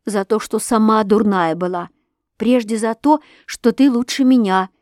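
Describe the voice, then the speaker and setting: A woman voicing an impulsive, proud young princess who talks emotionally and bursts into excited outbursts. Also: fairly high pitch, measured pace, dry recording, clean studio sound, natural voice. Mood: affectionate. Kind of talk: audiobook reading.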